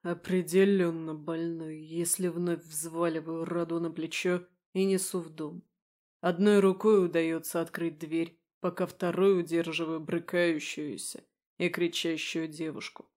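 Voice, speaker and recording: Monotone male audiobook narrator. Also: fairly high pitch, unhurried. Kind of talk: first-person audiobook narration.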